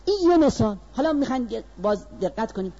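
A man preaching in a storytelling lecture, his voice sitting high and leaping up and down as he narrates. He lingers on slow, weighted phrases and then rushes through asides. The sound is dull and lo-fi. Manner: animated, swings between slow stressed phrases and quick asides. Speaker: religious lecturer.

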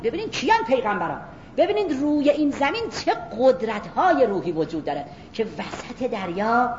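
In an echoey room with faint rumble and dull lo-fi sound, a woman delivers a lively religious lecture. She teaches the Quran, reciting Arabic verses and talking directly to those listening.

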